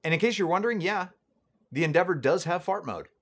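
A man in his thirties delivers scripted comedic commentary, his pitch leaping all over the place. He sounds sarcastic and mock-boastful, talking up his own greatness for laughs. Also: lively intonation, fast, background noise. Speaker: comedy web show host.

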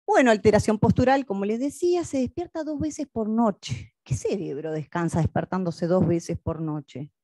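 A woman's voice: medium pitch, animated, normal speed, hardly any pauses, warm tone, dry recording, clean studio sound. A woman, a speech therapist giving a lecture on a case study and posing rhetorical questions to her audience.

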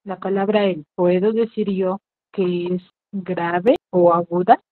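A woman's voice: on the low side, steady tone, takes it slowly, no echo. A woman teaching an online class, patiently repeating her questions to the students. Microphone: video call. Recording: dull lo-fi, dry.

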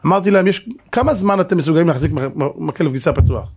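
A man's voice: fairly high pitch, a little mellow, husky. A man, a rabbi, giving a sermon-style Torah lecture before a live audience, telling a story dramatically and asking the listeners rhetorical questions.

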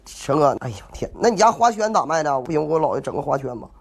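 A man's voice: fairly high pitch, big pitch swings, fast, breathy edge. A young man with a Northeastern Mandarin accent rambling through a prank phone call with feigned innocence. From Northeast China. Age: young adult. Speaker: prank caller.

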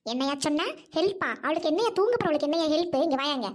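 A woman doing a shrill scolding cartoon housewife. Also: animated, quick pace. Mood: furious. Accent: Tamil of Trichy. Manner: scolding, shouting. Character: scolding older housewife, quick-tempered.

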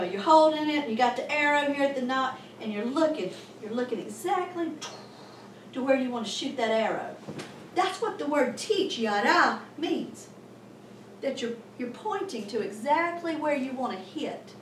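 A woman pastor preaching a sermon in a church, animated and emphatic with sudden loud bursts. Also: high voice, moderate pace, slight background noise. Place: church sanctuary. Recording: echoey room from a distant mic.

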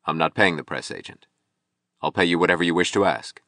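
A self-assured architect speaking quietly and firmly, voiced by a male audiobook narrator. His voice sits very low with a bright, clear edge. The recording is dry and close. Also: brisk, dry recording. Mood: calm businesslike. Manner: quiet, level, firm. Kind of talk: audiobook reading.

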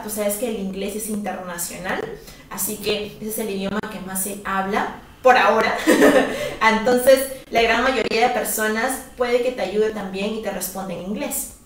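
A woman teaching a lively, chatty language lesson, encouraging her viewers and reading their comments as she goes. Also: medium pitch, slight background noise. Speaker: English teacher. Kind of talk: live-streamed language lesson. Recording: echoey room, voice far from the mic.

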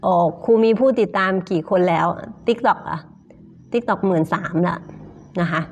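A woman's voice: mid-range voice, husky, lo-fi sound. A young woman with a Thai accent teaching on a live stream, chatting casually with viewers and reading their comments, full of fillers and polite sentence endings. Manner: slow and chatty, filler-heavy, ends phrases with polite particles.

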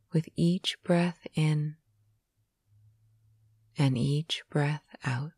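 A woman reading a guided sleep hypnosis in a slow, soothing, soft manner, with some phrases whispered. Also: low-pitched, no room sound, clean studio sound.

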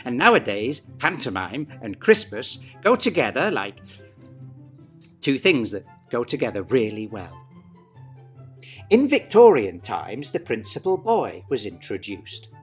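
Huge pitch swings mark this middle-aged British man's measured, pantomime-dame-style narration, playful and exaggerated throughout. He reads a scripted explainer in a small dressing room at desk distance from the camera, with faint music playing.

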